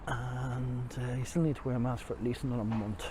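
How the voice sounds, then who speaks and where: This Irish man's mid-range voice barely moves in pitch, and he talks fairly quickly. Masked and outdoors by a river in the city, he gives a loose, meandering tour full of jokes at his own expense, while street noise and passing vehicles fill the background.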